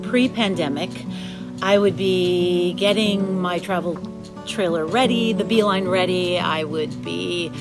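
A woman who runs a community conversation project, speaking reflectively with pauses. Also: on the low side, loud music behind the voice. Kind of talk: interview statement.

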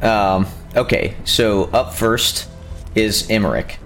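A male game master narrates a tabletop game in a lowish voice, pausing often on fillers. Faint music plays behind him. He talks his players through the scene. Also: a bit bright. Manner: hesitant, filler-heavy narration.

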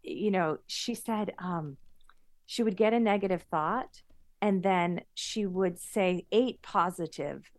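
A woman's voice: mid-range voice, takes it slowly, no room sound. Earnest woman on a dry call. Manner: earnest, animated, many restarts. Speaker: guest. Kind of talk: conversational interview. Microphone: remote call.

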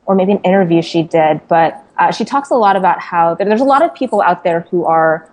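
A journalist from California, USA, speaks as an interview guest in a lowish, expressive voice at a slightly fast pace. She answers thoughtfully, with some "uh"s and restarts.

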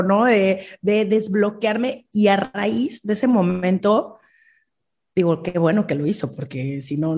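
A young woman with a Mexican accent, chatting as a podcast guest and acting out quoted voices expressively. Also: medium pitch. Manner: expressive, animated, acts out quotes. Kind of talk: casual podcast chat.

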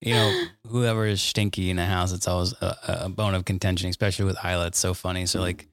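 A man's voice: low-pitched, flat delivery, quick pace, fairly bright tone, dry recording, studio quality. A man in his thirties co-hosting a podcast, telling playful family stories in a rambling way with lots of fillers. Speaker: podcast co-host. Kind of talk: casual family chat.

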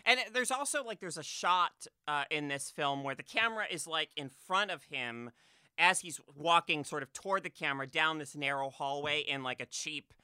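A man with a very bright, crisp voice, talking casually about a movie. He is animated and full of fillers and restarts, and his voice is recorded dry, with no room sound. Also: a little high, moderate pace, dry recording. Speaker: podcast co-host. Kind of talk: casual film discussion.

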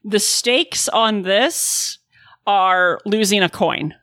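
A woman's voice: mid-range voice, extremely slow, fairly bright tone, no room sound. A woman narrating a tabletop game as game master in a casual, informal way.

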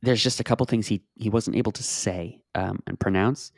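A man playing a doctor who breaks news haltingly and apologetically in an improvised podcast comedy bit. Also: fairly low pitch, gravelly, no room sound, studio quality. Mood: gravely apologetic. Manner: halting, apologetic bedside delivery. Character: solemn male doctor delivering news.

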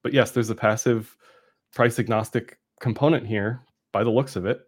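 Speaking at a moderate pace in a steady, husky, mid-range voice, a man offers casual market commentary as a podcast co-host and analyst. He explains informally and keeps tagging on "right?" to check in.

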